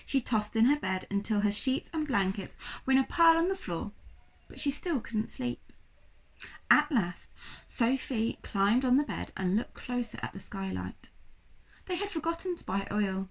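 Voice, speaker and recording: A woman reads a children's story aloud the way a primary school teacher would, narrating with expression and drama. Her voice sits a little high and her speed is normal.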